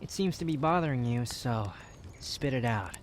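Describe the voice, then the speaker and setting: A man's voice: mid-range voice, lively intonation, moderate pace, a little hiss or hum, lightly acted. A man playing an aloof, prickly young wanderer in a romantic roleplay ASMR, speaking in dry, formal phrases with reluctant tenderness. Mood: soft, teasing.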